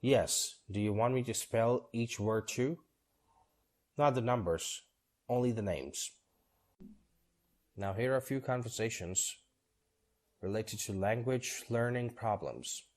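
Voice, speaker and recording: A man reading both parts of short scripted dialogues for English learners, steady and measured. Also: mid-range voice.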